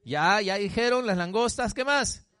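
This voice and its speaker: High-voiced emphatic preacher man. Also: animated, unhurried, pushed and bright, smooth, no room sound. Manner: emphatic, questions the congregation directly. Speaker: pastor. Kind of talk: sermon.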